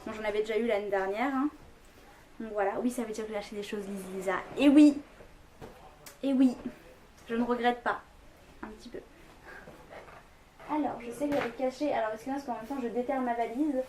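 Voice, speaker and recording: A woman's voice: a little high, steady tone, fast talker, pauses often, darkish tone, a little hiss or hum. Chatty young French woman, rambling. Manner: chatty, rambling, many fillers. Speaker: vlogger. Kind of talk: casual haul vlog.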